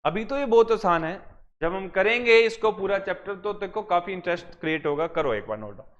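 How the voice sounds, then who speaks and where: Guy teaching a coaching class, fairly high voice, keeps asking then answering himself. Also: animated, fairly quick, a bit bright, muffled recording. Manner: explains with repeated questions and answers. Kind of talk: classroom lecture. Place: classroom with students.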